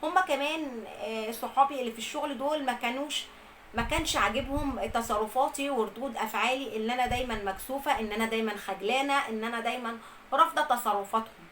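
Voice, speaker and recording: A young woman with an Egyptian Arabic accent tells her own story at a brisk, rushing clip. Her voice sits a little high, and she speaks earnestly, piling up emphatic lists. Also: a bit bright, a little hiss or hum, low-quality recording. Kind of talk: first-person storytelling.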